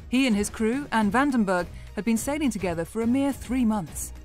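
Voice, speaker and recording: A woman narrating a sailing news show in a measured, polished broadcast style. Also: fairly high pitch, animated, darkish tone, faint music behind. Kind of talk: scripted sports news narration.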